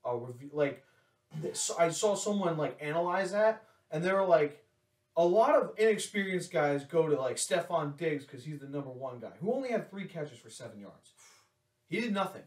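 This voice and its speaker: A young man co-hosting a casual sports podcast, rambling excitedly with restarts and swearing. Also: a little high, normal speed. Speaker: podcast co-host. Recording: echoey room, distant from mic.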